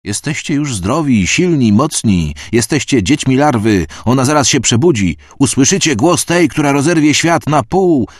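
A man voicing a burnt, inhuman priest in a cassock who croaks his sermon with gloating fervour in an audiobook. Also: mid-range voice, expressive, normal speed, hardly any pauses, no room sound, studio quality, pitched above the performer's own voice, natural voice. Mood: ecstatic.

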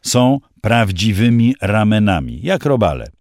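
A man's voice: on the low side, big pitch swings, a little slow, a little mellow, no room sound, studio quality. A man voicing a precise, scornful young female student who lectures exactly.

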